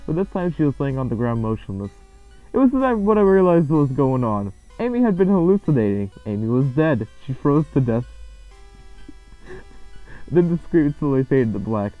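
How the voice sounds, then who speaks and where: A man with a mid-range, sing-song voice reads a creepypasta aloud at a moderate pace, performing it dramatically before reacting casually afterward. The lo-fi, muffled recording has eerie game music playing loudly behind him.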